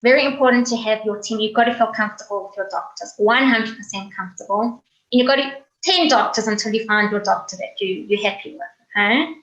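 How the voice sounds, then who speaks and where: A woman's voice: a little high, brisk, a bit bright, echoey room, dull audio. A woman giving a candid personal testimony on a video call, telling her story conversationally and acting out what people said to her. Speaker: guest speaker, cancer survivor.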